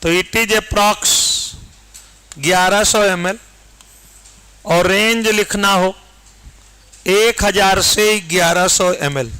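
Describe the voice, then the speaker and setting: A man's voice: sits high, very slow, pauses often, sharp tone, clear, resonant tone, poor audio. A man teaching a biology exam-prep class, dictating notes and asking his students questions.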